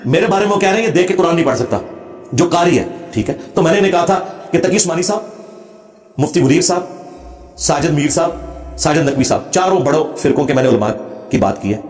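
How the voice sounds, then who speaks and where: A man's voice: fairly high pitch, expressive, a little fast, a little mellow, echoey room. A man speaking as a religious speaker, lecturing emphatically and combatively and reciting Arabic phrases to make his point. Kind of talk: lecture answering a question.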